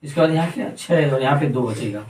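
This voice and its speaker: Teacher counting digits aloud in a roomy space. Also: male voice, medium pitch, brisk, a little mellow, distant mic, a little hiss or hum. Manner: counting aloud and asking rhetorical questions. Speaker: math teacher. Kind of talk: step-by-step classroom math lesson.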